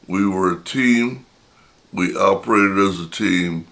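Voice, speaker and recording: An older channel host with a deep, gravelly voice, a touch raspy after a long session of talking, tells his viewers a personal story. His delivery is slow, reflective and unhurried with frequent pauses, yet sounds pushed and bright.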